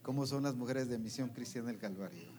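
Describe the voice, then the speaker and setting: A man preaching a sermon who reads scripture slowly and keeps asking the audience questions. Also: mid-range voice, crowd noise. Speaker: preacher at a women's discipleship meeting. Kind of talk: sermon with Bible reading.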